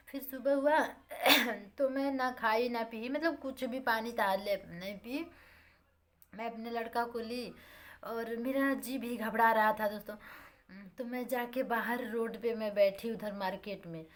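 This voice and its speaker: A young woman, recounting a personal story to her viewers in a plain, repetitive way and calling them friends. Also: on the high side. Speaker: vlogger.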